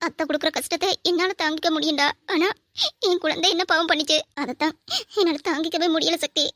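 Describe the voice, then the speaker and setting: A woman voicing a young widowed mother in a drama, devoted to her late husband and her daughter. Her voice is high and her words come quickly and tearfully. The recording is dry and close. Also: fairly even intonation, a bit bright, no room sound. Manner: tearful, pleading. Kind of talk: audio drama acting.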